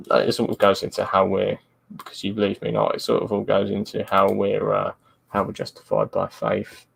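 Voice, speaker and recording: A man hosting a casual livestream Bible study, reading scripture aloud and talking it over with halting, stumbling speech and many fillers. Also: fairly low pitch, completely flat delivery, vocal fry, slightly rough, rough recording.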